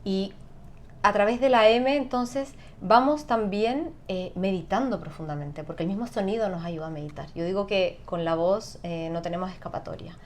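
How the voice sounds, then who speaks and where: A woman guest on an interview, explaining calmly and often adding tag questions. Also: medium pitch, moderate pace, slight background noise. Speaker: sound therapist guest. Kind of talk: conversational interview.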